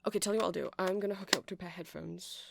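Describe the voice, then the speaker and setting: Very fast and steady in tone, a mid-range voice with vocal fry gives life to a nerdy, chatty vampire shopkeeper in an ASMR roleplay, lightly acted. He sounds helpful but unsure, rambling, hesitating, apologizing and self-correcting as he explains during casual sales chatter. Heavy background noise sits under the voice.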